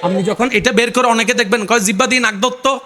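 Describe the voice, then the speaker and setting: A man preaching a sermon to a crowd, often shouting and calling on the listeners to answer him. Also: steady tone, fast. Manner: calls on the crowd to respond; often shouts in a high, strained pitch.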